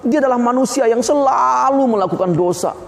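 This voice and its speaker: A man's voice: very high voice, brisk, creaky. A man teaching Sunday school, telling a Bible story to children and speaking to them directly. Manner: animated, addresses the children directly. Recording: long hall reverb.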